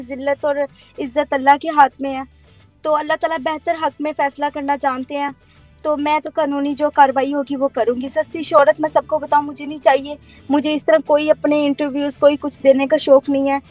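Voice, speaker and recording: A woman's voice: high voice, darkish tone. A woman in her thirties with a Pakistani Urdu accent, giving an earnest, firm account as an interviewee on a call and mixing in English words.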